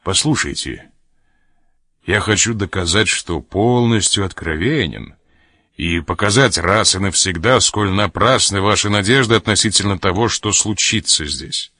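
A man's voice: sits low, unhurried, pushed and bright, no echo, clean studio sound, full character voice. A man reading aloud as a sly sailor who mocks and threatens an officer. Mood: mocking. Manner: mocking, laughs at threats. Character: sly mocking sailor, blackmailing a major.

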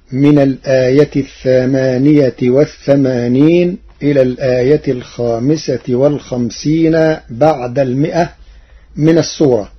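A man explaining Quran recitation variants in a slow, measured, formal scholarly way on a radio broadcast. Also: mid-range voice, breathy edge, dull audio.

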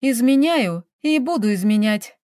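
A woman's voice: high-pitched, measured pace, a little mellow, dry recording, clean studio sound, pitched above the performer's own voice. Woman voicing a distraught young countess. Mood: defiant. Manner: plaintive and bitter. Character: young countess, emotional, defiant, tearful.

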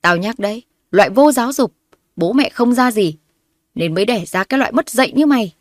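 A woman narrator voicing a spiteful, scheming older mother-in-law who scolds and insults loudly. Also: medium pitch, animated, normal speed, dry recording, clean studio sound, close to an everyday voice. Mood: scornful.

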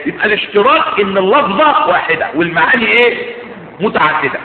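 A man's voice: high-pitched, sing-song, crowd noise. A man with an Egyptian accent gives a religious lesson in a large hall, breaking off constantly to quiz his listeners with short check questions. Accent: Egyptian Arabic. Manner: keeps quizzing listeners with quick check questions. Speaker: religious teacher. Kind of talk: classroom lecture. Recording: tinny phone-like sound in an echoey hall.

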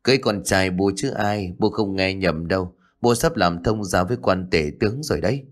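A man playing an ambitious young official in a low voice, coaxing and insistent. He pushes his case in a steady, persuasive way. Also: moderate pace, close to an everyday voice. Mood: pleased.

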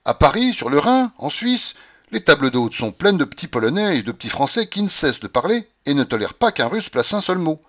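A man's voice: fairly high pitch, big pitch swings, fairly quick, fairly bright tone, voice pushed up. A man voicing a rude, hot-tempered young gambler with provocative haughtiness. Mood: defiant. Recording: dull lo-fi recording.

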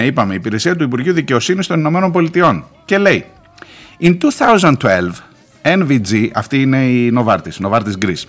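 Lively sarcastic male radio host. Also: medium pitch. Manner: sarcastic, mocking; reads documents aloud, halting English. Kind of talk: news commentary. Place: radio studio.

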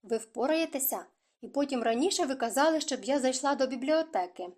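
A spirited young noblewoman speaks frankly and with life, her voice fairly high. A woman reads her in an audiobook. The tone stays earnest and direct. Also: lively intonation, brisk, darkish tone.

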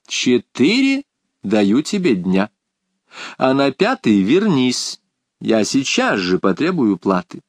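A man voicing a teacher's wife from an old verse epic who sets a demanding task. She speaks slowly, and the pitch moves widely. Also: no echo, studio quality.

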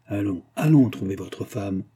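A man's voice: lowish voice, expressive, a little slow, dark tone, slightly rough, heavily acted. A man reading a vengeful colonel. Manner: accusing, declamatory. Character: vengeful male colonel, bitter and triumphant.

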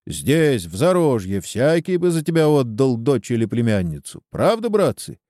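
A man's voice: mid-range voice, big pitch swings, normal speed, mellow, no echo, studio quality, lightly acted. A man voicing a persuasive male village headman in a storybook reading, talking heatedly. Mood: urging. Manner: coaxing, heated.

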